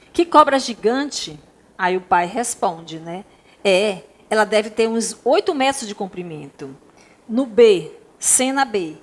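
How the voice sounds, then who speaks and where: A woman from Brazil teaching a recorded lesson to primary school pupils, patient and affectionate, often checking in with her class. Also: on the high side.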